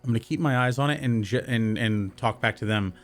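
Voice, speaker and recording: A man playing in a tabletop role-playing game, describing his character's actions in a measured way. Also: mid-range voice, faint music behind. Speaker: player. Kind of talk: casual tabletop play.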